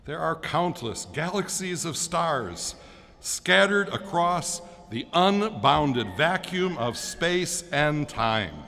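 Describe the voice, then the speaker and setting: A man's voice: on the high side, fairly bright tone. Male preacher giving a formal homily, voice swooping up and down, big church echo. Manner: oratorical, deliberate, emphatic phrasing. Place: large church during Mass.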